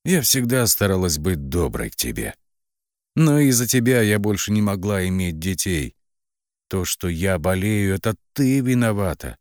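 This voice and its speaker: A man's voice: deep voice, very animated, normal speed, a little mellow, no echo, studio quality, pitched above the performer's own voice. A man voicing a bitter, cold middle-aged mother who resentfully blames her daughter. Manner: blaming, resentful.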